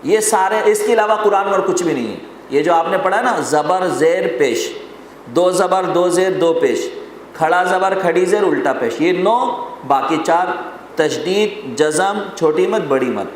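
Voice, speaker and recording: Male teacher, high voice, reverberant hall with a faint hiss, patient step-by-step classroom explaining. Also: animated. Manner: explains rules step by step, quizzing students and repeating lists. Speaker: Quran recitation teacher. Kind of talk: classroom lesson. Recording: very echoey hall with faint noise.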